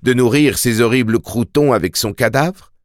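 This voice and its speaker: A man's voice: mid-range voice, moderate pace, no echo, studio quality, voice pushed up, close to an everyday voice. A man voicing a desperate young mother who pleads urgently, raising his voice for her.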